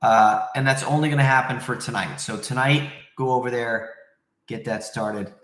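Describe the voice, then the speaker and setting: A man's voice: mid-range voice, moderate pace, fairly bright tone. A man hosting a casual livestream, rambling conversationally as he answers viewers, recorded in a very echoey room. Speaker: livestream host.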